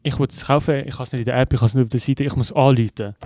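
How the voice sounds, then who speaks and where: A young Swiss German man tells a story at high speed and acts out every exchange. His voice is recorded dry and close, with no room sound. He speaks at a middle pitch, in a casual podcast chat. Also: quick pace, no room sound. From Switzerland. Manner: animated, acts out dialogue in his stories. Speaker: podcast co-host.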